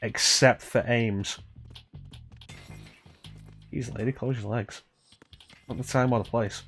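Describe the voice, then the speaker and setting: A man with a mid-range, fairly bright voice speaks slowly and steadily while streaming a video game, joking casually and swearing now and then. Video game music plays behind his voice.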